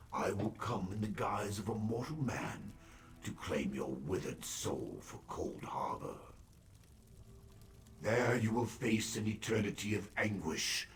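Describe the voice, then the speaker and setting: A vengeful demon lord for a fantasy game, super deep slow gravelly menace, echoey with music behind. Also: male voice. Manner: menacing, vengeful spirit, slow and solemn threats. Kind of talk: fantasy video game acting. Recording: echoing voice over game music.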